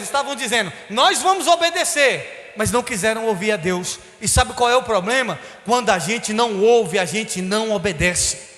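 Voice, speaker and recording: High-pitched preaching man in echoey hall. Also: pushed and bright. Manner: preaching with rising emphatic calls and rhetorical questions. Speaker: bishop. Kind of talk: sermon. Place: church hall.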